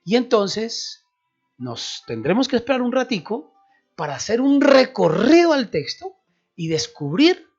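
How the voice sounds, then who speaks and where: A man's voice: very high-pitched, unhurried, husky. A man explaining a Bible passage on a radio program, asking and answering his own questions. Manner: animated, explanatory, asks and answers himself. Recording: dull radio recording with faint music.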